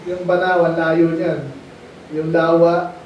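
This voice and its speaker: A man with a high-sitting voice delivers a Bible lesson sermon in Tagalog to children, speaking completely flat and a little slowly, chatting with them and often pausing to ask questions. He's in a mission meeting space, and the recording is muffled and echoey from a distant mic, with slight background noise.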